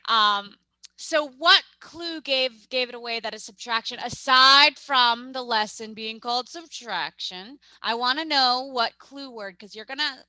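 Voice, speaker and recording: A woman's voice: on the high side, measured pace, bright, forceful tone, dry recording. A young woman with a New York accent teaching a math lesson over a video call, chatty and upbeat, often correcting herself.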